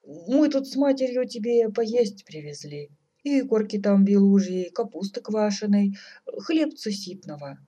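A woman voicing a gruff, grumbling old tsar who blusters at his stubborn son. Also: mid-range voice, animated, measured pace, dark tone, voice pushed up.

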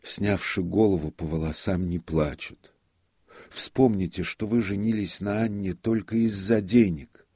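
A man's voice: low-pitched, a little slow, mellow, breathy edge, no echo, studio quality, voice pushed up. A man voicing a timid, poor young technician who hesitates and stammers. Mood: reproachful.

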